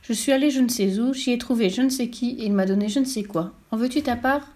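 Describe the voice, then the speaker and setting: A woman voicing the simple-hearted young fool of a fairy tale, speaking high and eager. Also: fast talker, a little mellow, lightly acted. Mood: excited.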